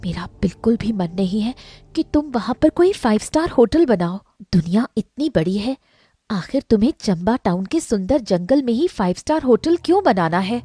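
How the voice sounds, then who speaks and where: A woman's voice: on the high side, animated, normal speed, dark tone, slightly rough, no echo. A woman playing a worried, skeptical young friend in a Hindi audio drama, with a concerned, earnest way of speaking.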